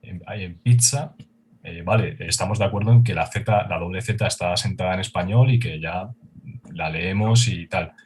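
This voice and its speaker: A man's voice: deep voice, moderate pace, a little mellow. A man hesitantly relaying comments in a casual panel discussion, stumbling over his starts.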